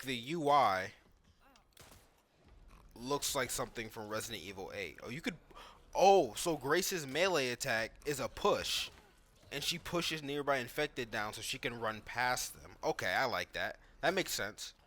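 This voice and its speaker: A gaming video creator with a mid-range, fairly bright voice gives casual, unscripted commentary while watching cutscenes and playing. He thinks aloud in informal language, often saying "like."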